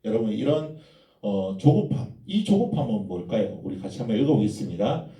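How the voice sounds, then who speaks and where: Guy preaching, tells stories to the congregation, voice swings all over, dark mellow tone. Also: fairly low pitch, big pitch swings, fairly quick, distant mic. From Gyeongsang, South Korea. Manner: storytelling, addressing the congregation. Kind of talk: sermon. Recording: echoey church hall from afar.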